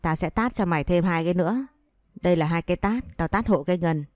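Picture a woman reading out a betrayed wife in a storybook, sharp-tongued and vengeful, hurling threats at her rival. The voice sits low and dark, with a dry close sound and no room around it. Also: fast, dry recording, close to an everyday voice. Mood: furious. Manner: scolding, cursing, threatening.

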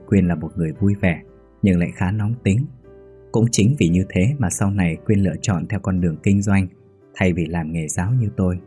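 A man calmly narrating a read-aloud ghost story in a steady storytelling manner. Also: sits low. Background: faint music.

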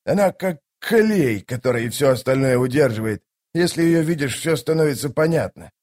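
A man's voice: mid-range voice, expressive, moderate pace, a little mellow, natural voice. A man voicing a defensive, fussy male soldier-mage who mutters and sighs as he explains. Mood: explaining. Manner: muttering, sighing.

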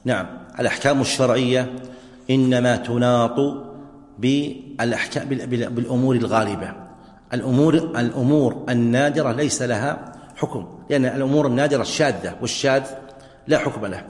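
A man teaching jurisprudence as a sheikh, walking through examples slowly, repeating them and checking whether his students follow. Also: mid-range voice, a little mellow. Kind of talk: classroom lecture. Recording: echoey hall with long reverb.

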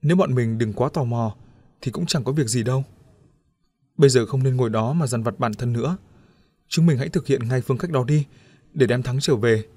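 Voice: mid-range voice, fairly quick, pauses often, mellow, dry recording, lightly acted. A man voicing a brave young friend in an audiobook story who reassures the others. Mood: comforting.

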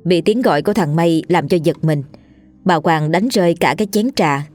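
A woman reads a ghost story aloud in a steady, measured way. Her voice sits on the lower side, and soft music runs faintly beneath her. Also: dry recording. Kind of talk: scripted ghost story narration.

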